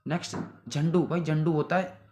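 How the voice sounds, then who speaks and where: Young male tutor, slightly high-pitched, revising word lists, repetitive and drilling. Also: fairly even intonation, moderate pace, dark tone. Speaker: exam prep teacher. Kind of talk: synonym revision lesson.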